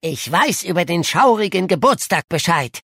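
A woman's voice: lowish voice, lively intonation, normal speed, fairly bright tone, slightly rough, dry recording, studio quality, exaggerated voice. Woman voicing Oskar, a boastful know-it-all boy. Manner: eager, self-assured storytelling. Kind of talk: audiobook dialogue reading.

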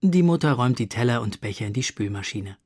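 A narrator reading a children's story aloud in a calm, measured way. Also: medium pitch, slightly rough, no room sound, clean studio sound.

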